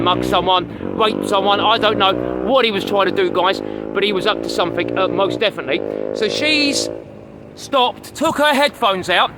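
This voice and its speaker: This London bloke, a comedian who vlogs, chats to camera as he walks a busy city street, saying "guys" a lot and filling gaps with "uh." His voice is higher with some vocal fry, and he's a bit out of breath. Street traffic and passing vehicles are audible all around.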